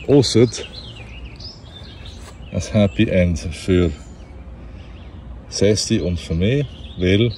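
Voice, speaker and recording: Low-voiced Swiss German storyteller. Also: male voice, a little hiss or hum. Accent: Basel Swiss German. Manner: relaxed, chatty, with laughs and self-corrections. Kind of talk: reading a fairy tale aloud with asides.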